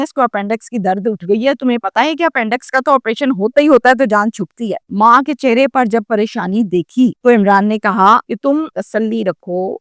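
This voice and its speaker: A woman's voice: fairly high pitch, a bit bright, no room sound, studio quality. Earnest woman telling a crime story. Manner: earnest, acts out quotes. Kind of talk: dramatic storytelling narration.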